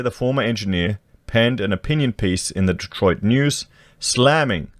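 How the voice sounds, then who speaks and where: Australian man, low voice, dry close sound, indignant news commentary, colloquial. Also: no room sound. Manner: indignant, rhetorical questions, colloquial slang. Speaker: commentary vlogger. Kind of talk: reading news aloud with opinionated commentary. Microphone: podcast microphone.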